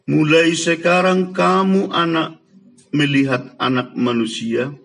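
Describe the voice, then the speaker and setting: A man reading the words of Jesus, a calm grown man answering his accusers, in a steady, solemn way. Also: mid-range voice, vocal fry, pitched below the performer's own voice, heavily acted.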